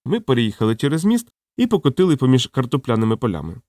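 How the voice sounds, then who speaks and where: A man narrating an audiobook in an expressive, animated reading, voicing the dialogue himself. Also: medium pitch, quick pace, dry recording. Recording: dry close studio sound.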